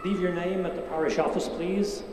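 A man's slightly high voice rings through heavy cathedral echo. He gives church notices in a formal reading style, with faint noise behind. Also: fairly even intonation, moderate pace. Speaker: clergy reading parish announcements. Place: large cathedral interior, heard with cathedral echo. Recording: very echoey cathedral, long reverb, faint noise.

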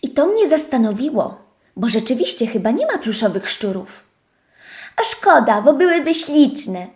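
A woman narrating a children's audio story in an expressive, unhurried way. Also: high-pitched.

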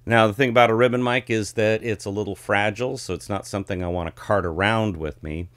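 A middle-aged man chatting casually as a vlog host, with the warm, rich sound of a vintage ribbon mic in a home studio. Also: fairly low pitch, steady tone, fast, no echo. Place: small home studio with curtain backdrop. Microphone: studio ribbon microphone close in front.

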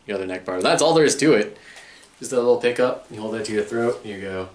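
The recording is very noisy as a middle-aged airsoft gear channel host speaks fast and expressively at medium pitch. Chatty and jokey, he reviews gear to a camera a few steps away in a small furnished room at home, where the mic catches roomy echo.

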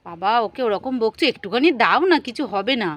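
A woman playing a mother in a family comedy skit, talking in an animated, teasing, sing-song way. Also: medium pitch, brisk.

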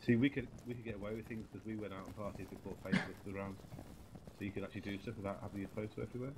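A man's voice: lowish voice, steady tone, racing, background noise. A man in his thirties making callouts and joking with teammates over voice chat during a shooter game. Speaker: gamer.

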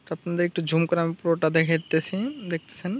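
A man's voice: fairly high pitch, monotone, fast talker. A man from Bangladesh filming a casual fishing vlog outdoors by a river on a handheld phone, plainly pointing out spots to viewers and repeating himself. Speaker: fishing channel vlogger.

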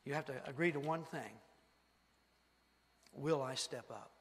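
A man preaching a sermon, telling a story with animated delivery, acting out scenes and asking the congregation questions. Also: medium pitch, measured pace. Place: church sanctuary. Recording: long reverb of a church hall.

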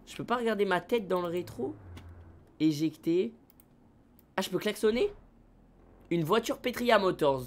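A man live-streaming a video game, excitable and slangy, talking straight to his chat. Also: high voice, moderate pace, pauses often.

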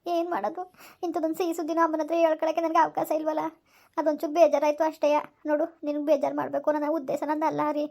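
A woman's voice: sits high, level tone, quick pace, a little mellow. A young woman, acting a tearful, pleading pregnant wife in a village skit.

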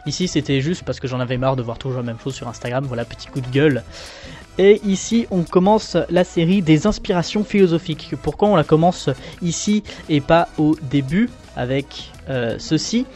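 A young man from France flipping through his sketchbook in a relaxed, self-mocking way, with lots of fillers. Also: fairly high pitch, moderate pace, faint music behind. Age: young adult. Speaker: artist showing his sketchbook. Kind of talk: casual commentary.

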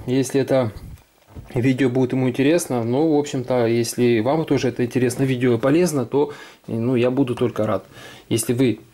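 A man's voice: mid-range voice, mellow. A man presenting an informal tech tutorial, explaining things step by step. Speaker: tech vlogger. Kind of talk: casual smartphone tutorial. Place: indoors at a desk, hands-on demo.

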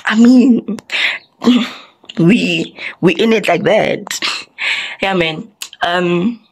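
A young woman from South Africa, talking to her camera in a casual vlog, chatty and rambling, with a husky, lowered morning voice. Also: very slow, rough recording. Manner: chatty, rambling, self-mocking. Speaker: vlogger.

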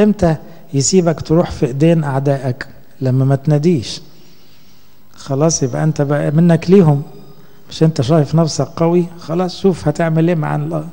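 Egyptian priest preaching in a reverberant space. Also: male voice, a little high, dark tone. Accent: Egyptian Arabic. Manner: conversational preaching, slow when quoting scripture. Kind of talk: sermon.

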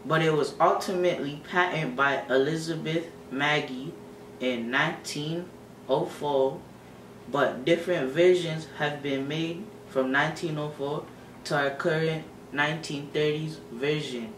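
A man's voice: fairly high pitch, steady tone, a little slow, a bit bright. A teenage boy reading a scripted mock 1930s newsreel report as the news anchor, in an announcer's way. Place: small room at home, indoors. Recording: roomy, noisy home recording from a distance.

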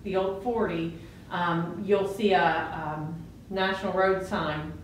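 A woman's voice: lowish voice, steady tone, slow. A woman working as a museum tour guide, informally explaining exhibits in a hesitant, piecemeal way. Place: indoor museum rooms. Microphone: handheld camera, off-screen speaker. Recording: very echoey room, faint noise.

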